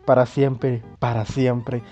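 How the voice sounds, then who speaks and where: A man's voice: mid-range voice, little pitch movement, slow pace, muffled recording, soft background music, pitched below the performer's own voice, natural voice. A man voicing a furious ranting male ghost dummy from a video game. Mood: angry. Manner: shouting insults, reading game text aloud.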